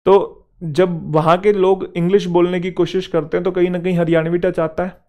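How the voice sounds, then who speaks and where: A young man from Haryana with a Haryanvi touch in his speech, teaching an exam-prep vocabulary lesson in Hindi and reading English example sentences slowly and deliberately. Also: high-pitched, level tone, dark tone. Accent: Haryanvi-tinged Hindi and English. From Haryana, India.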